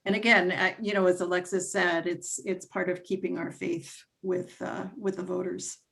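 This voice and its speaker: A woman speaks up at a public meeting with a gravelly, creaky voice. She hesitates often and fills pauses while urging the officials to act. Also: fairly low pitch, little pitch movement, fairly bright tone. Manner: hesitant, many fillers.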